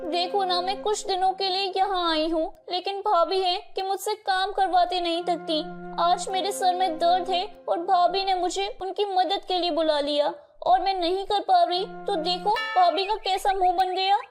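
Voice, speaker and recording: A woman's voice: extremely high pitch, steady tone, normal speed, hardly any pauses, music in the background, voice pushed up. Woman doing a spiteful taunting sister-in-law. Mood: whiny. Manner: taunting, sharp and complaining.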